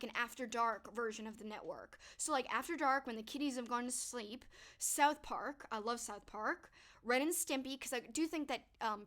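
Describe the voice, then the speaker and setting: A young woman streamer with a slightly high, somewhat bright voice answers viewer questions on a live stream. She's upbeat and says "like" and "um" a lot, but she's losing her voice, which sounds worn and fading.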